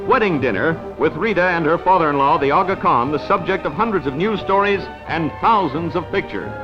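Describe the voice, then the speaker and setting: A man's voice in old newsreel style, pitched high and swooping lively through each line, with an emphatic announcer delivery. The dull, lo-fi archival sound sits under a loud music score. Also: fairly quick. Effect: old newsreel narration. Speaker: newsreel narrator. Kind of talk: 1940s newsreel narration.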